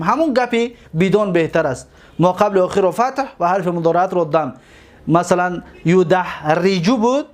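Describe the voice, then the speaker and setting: High-voiced man reciting a grammar lesson. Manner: recites rapid memorized verb lists in a steady drone, pausing to explain. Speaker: teacher of grammar.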